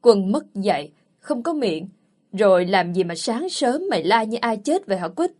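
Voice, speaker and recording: A man's voice: sits high, very animated, moderate pace, darkish tone. A woman reading the part of a stern old landowner who barks orders. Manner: gruff, commanding.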